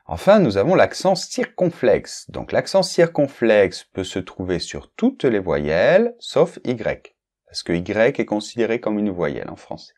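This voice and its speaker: A low-voiced man gives a lesson at an unhurried pace. His pitch rises and falls a great deal, and he stretches out example words for the learner. He stays patient and informal throughout. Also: big pitch swings, a little mellow. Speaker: French teacher. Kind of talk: recorded language lesson.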